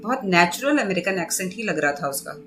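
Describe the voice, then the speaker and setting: A woman's voice: on the low side, animated, a little fast, over music. A woman narrating a novel in a conversational tone, making asides to her listeners. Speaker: book reviewer and reader. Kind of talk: storytelling narration.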